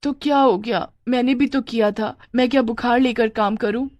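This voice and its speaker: A woman's voice: a little high, fairly even intonation, normal speed, a little mellow, highs cut off, a little hiss or hum, voice pushed up, natural voice. A woman doing a whiny, scheming young wife.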